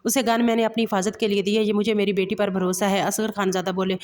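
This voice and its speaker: A female storyteller with a mid-range voice reads a romantic novel aloud quickly, keeping an even, level tone and the same pace for both narration and dialogue. She occasionally slips and starts over, and a long reverb suggests a large hall.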